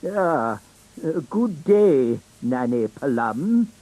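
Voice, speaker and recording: Husky, pompous old British elf teacher. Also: male voice, fairly high pitch, sing-song, very slow, mellow, exaggerated voice. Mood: measured, schoolmasterly. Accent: British English. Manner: pompous, pedantic, hesitant hums. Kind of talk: children's cartoon voice acting.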